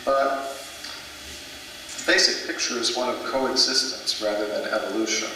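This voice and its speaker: A man giving a public lecture in measured, deliberate short phrases, leaving room for an interpreter. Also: fairly low pitch, bright, forceful tone. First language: English. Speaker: lecturer, researcher in history of archaeology. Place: museum lecture hall. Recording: echoey hall, distant mic, noisy.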